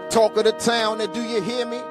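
A man in his thirties speaks into a handheld mic on a concert hall stage, relaxed and trailing off quiet. He then raps in a punchy rhythm while a small wind ensemble plays clearly behind him. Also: high voice, brisk. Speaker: rapper. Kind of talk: interview answers, then rapping over live winds. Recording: live music in a hall.

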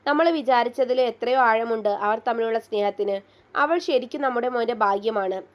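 A caring mother speaks firmly and earnestly in a story read aloud, as a woman narrator voices her. The voice is high. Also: normal speed, lo-fi sound, lightly acted. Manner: firm, earnest persuasion.

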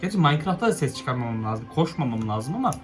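A young man commenting on his own Minecraft game, swinging between hushed muttering and frustrated yelps. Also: mid-range voice, big pitch swings, fast talker, soft background music. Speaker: gaming YouTuber. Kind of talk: Minecraft let's play commentary.

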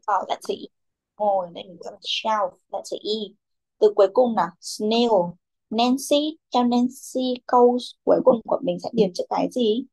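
A woman's voice: fairly high pitch, unhurried, gravelly, darkish tone. A young woman teaching a children's English class, who calls on pupils by name, repeats their answers and mixes English words into her instructions.

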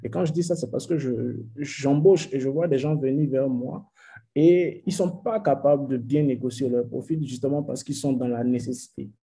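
Gravelly young man giving career advice. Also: mid-range voice, normal speed, mellow, low-quality recording. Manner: earnest, advice-giving, repeats words. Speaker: panelist, tech hiring manager. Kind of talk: online panel discussion. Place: home room. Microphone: headset on video call.

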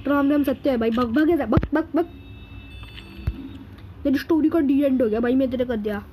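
Brief: a man voicing a squeaky, boastful cartoon cat gamer, rattling off commentary over loud game noise. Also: moderate pace, rough recording. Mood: excited chatter. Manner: chattery, calls everyone brother, boastful. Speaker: gaming video host. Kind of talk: in-character gameplay commentary.

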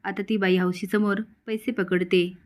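A woman recounts a TV serial episode in a casual storytelling voice. She moves briskly from scene to scene. Her pitch sits in an ordinary middle range. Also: flat delivery. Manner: brisk storytelling, reads characters' lines without much acting. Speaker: TV serial recap narrator. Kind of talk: casual episode recap narration.

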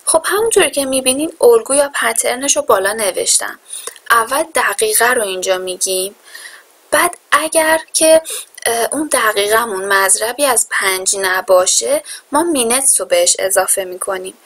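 A woman teaching English to learners. She explains in a lesson and repeats English phrases slowly and clearly for her students to copy. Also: a little high, lively intonation, a bit bright. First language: Persian. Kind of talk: online lesson with repeat-after-me drills.

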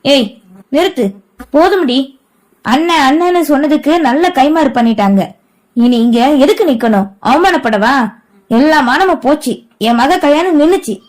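An enraged middle-aged father in an audio novel, shouting harsh, bitter words, as a woman reader plays him. The voice sits high and stays angry. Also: animated, fairly quick. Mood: furious.

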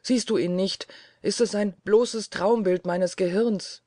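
A woman voicing a haunted, terrified middle-aged prince in an audiobook, crying out loudly and frantically. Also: medium pitch, slow, no echo, clean studio sound.

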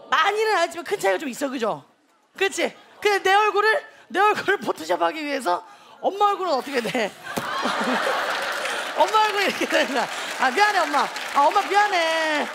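A comedian performs a full character voice, extremely high, gravelly, and sing-song, at a fairly quick clip as a brash young female online-lecture teacher. In this TV comedy sketch he brags loudly and teases the live audience, while studio laughter, noise, and some background chatter fill the room.

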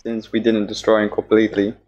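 A man's voice: fairly low pitch, completely flat delivery, fast, a little mellow. Tentative man player, dull lo-fi mic. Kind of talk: casual chat at a tabletop game.

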